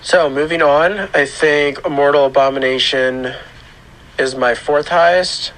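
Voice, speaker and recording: A man with a hoarse, grating voice from a sore throat gives casual, unscripted gaming commentary in a halting, matter-of-fact way. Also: fairly high pitch, fairly bright tone, low-quality recording. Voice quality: rough, grating. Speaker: gaming channel host. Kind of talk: casual video game account tour commentary.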